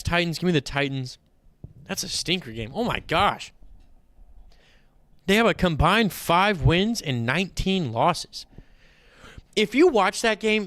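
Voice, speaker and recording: Chatty animated man hosting football picks. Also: a little high. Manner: chatty, animated, rambling with playful asides. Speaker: fantasy football show host. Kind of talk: casual livestream commentary.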